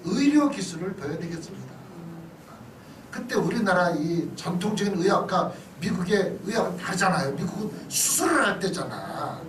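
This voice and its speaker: This pastor's high, fairly bright voice swings widely in pitch as he talks at normal speed through a conversational history lecture in a church hall. He keeps engaging listeners with questions and asides, heard through a distant mic in an echoey hall with background noise.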